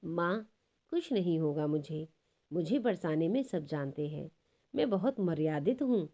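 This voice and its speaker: Woman putting on a spirited young bride, slow and mellow, dull lo-fi sound. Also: lowish voice, animated. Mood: proud. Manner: indignant, sharp outbursts. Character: proud young newlywed village bride, spirited.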